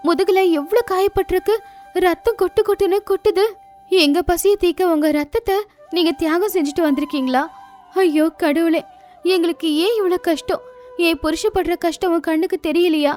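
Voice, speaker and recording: A woman voicing a devoted young wife in an animated story, crying out in anguish. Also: very high-pitched, moderate pace, faint music behind.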